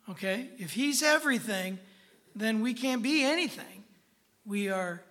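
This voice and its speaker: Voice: mid-range voice, fairly bright tone. A preacher giving a conversational Bible-teaching sermon in a folksy, informal way, often checking in with the listeners.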